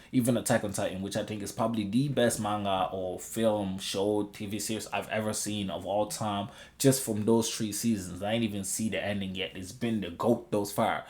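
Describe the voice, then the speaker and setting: A man with a fairly low voice talks casually to his viewers in a rambling opinion monologue. His speech is slangy and peppered with swearing, and he circles back over his points, repeating phrases and checking he is understood. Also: steady tone, moderate pace, hardly any pauses, darkish tone. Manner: repetitive, with frequent checking tags like a conversational rant. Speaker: video creator giving opinions on manga and music.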